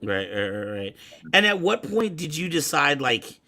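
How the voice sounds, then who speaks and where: A man hosting a casual podcast interview, chatty and agreeable, often answering with quick repeated affirmations. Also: on the high side, big pitch swings, bright, forceful tone. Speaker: podcast host.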